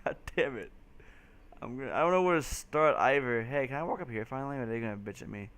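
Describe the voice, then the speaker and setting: A young man playing a game with a friend, swearing often and breaking into excitable laughing outbursts. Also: mid-range voice, quick pace, clean tone. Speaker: gamer playing and co-hosting. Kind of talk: casual let's play banter.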